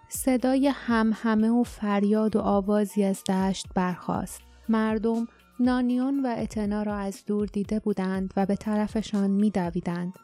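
A woman narrating an audiobook in a measured, even storytelling manner. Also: mid-range voice.

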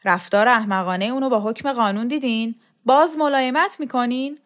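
A woman reader voicing a domineering, scornful woman militant who shouts and sneers in a storybook reading. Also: a little high, animated, voice pushed up. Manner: shouting, contemptuous.

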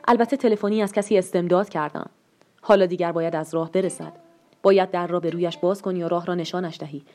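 A woman's voice: fairly low pitch, steady tone, warm tone, faint music behind, lightly acted. A woman voicing a frightened, pleading middle-aged father in a read-aloud story, with an urgent delivery.

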